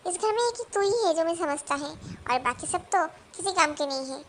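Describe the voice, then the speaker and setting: A woman voicing a worried middle-aged mother in a fan-dubbed drama, fretting and scolding loudly. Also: very high voice, expressive, brisk, a little hiss or hum. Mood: fretful. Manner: loud, fretful scolding.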